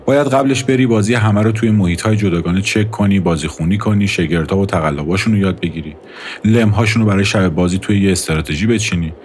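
A man reading the part of a cool, sardonic young woman who runs card games, speaking dryly and quietly mocking, over faint music. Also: sits low, a little hiss or hum, natural voice. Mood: dry, matter-of-fact. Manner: dry, quietly mocking, matter-of-fact.

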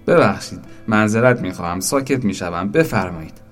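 A man voicing a small, naive wooden boat in a storybook, full of excited, eager questions. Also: on the low side, faint music behind, natural voice. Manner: excited, breathless questions, shouting. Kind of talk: storybook narration.

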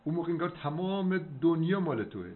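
A man's voice: a little high, animated. A man speaking didactically and affirmingly in an advisory conversation over a landline phone. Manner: didactic, affirming, recites verse. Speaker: doctor hosting the call. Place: telephone call. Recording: narrow landline phone, noisy line.

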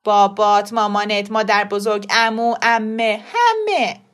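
Brief: woman voicing a feisty old grandmother for an audio story, brisk, coaxing and insistent. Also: mid-range voice, lightly acted.

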